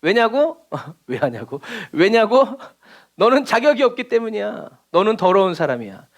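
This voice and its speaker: A preacher voicing Satan as a low, mocking tempter who whispers doubts. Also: male voice, big pitch swings, normal speed. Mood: taunting.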